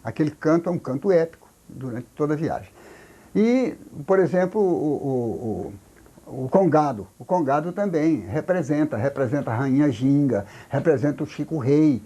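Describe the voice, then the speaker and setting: An older man from Brazil with a Brazilian Portuguese accent, a folklorist explaining things slowly in an interview, halting with many repeated words and restarts. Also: a little high, expressive, mellow, highs cut off. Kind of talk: recorded oral history interview.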